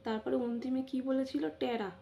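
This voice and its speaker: A middle-aged woman pours out an impassioned personal monologue, circling back to phrases and punctuating them with quick affirmations. Her voice sits fairly high yet sounds mellow and dark in tone, with a gravelly, fry-laden texture. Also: slight background noise. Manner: impassioned, repetitive, frequent affirming interjections. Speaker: vlogger.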